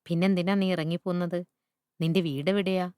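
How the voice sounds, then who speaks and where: Woman doing a gentle sad-eyed slow loris. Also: fairly low pitch, steady tone, smooth, dry recording, clean studio sound, lightly acted.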